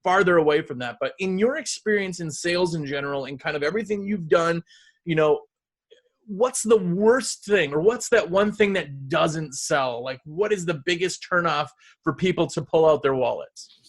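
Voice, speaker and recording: A man with a fairly high voice hosts a relaxed podcast interview. He chats casually and builds his questions loosely, halting and circling before he gets to the point. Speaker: podcast host.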